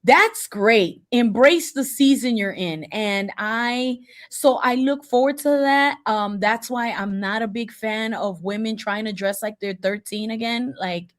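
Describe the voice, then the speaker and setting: Her voice is a little high and a little slow, and she barely pauses as she talks. She's in her forties, co-hosting a casual podcast chat where she voices firm but playful opinions.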